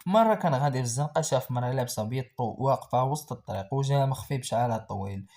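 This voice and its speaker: A man's voice: mid-range voice, very fast, dark tone. A man with a Moroccan accent narrating a horror story in a dramatic, suspenseful way.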